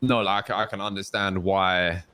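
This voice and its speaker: A man's voice: sits low, fairly even intonation, unhurried, bright, forceful tone, clean tone. A man chatting casually in a game roleplay, understated and conciliatory. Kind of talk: casual in-character gaming roleplay chat.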